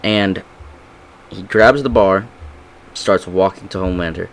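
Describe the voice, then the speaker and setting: A young man recapping a TV finale in a casual, slangy, excited way, with sound effects. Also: sits low, a little slow, poor audio. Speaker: TV reviewer.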